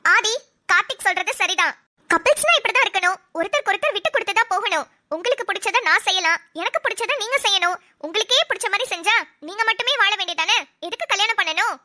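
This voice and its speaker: A woman's voice: very high voice, expressive, fast, pushed and bright, pitched above the performer's own voice, exaggerated voice. A woman voicing a chatty young woman in a cartoon who reasons things out and teases. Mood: reasoning. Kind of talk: cartoon voice acting.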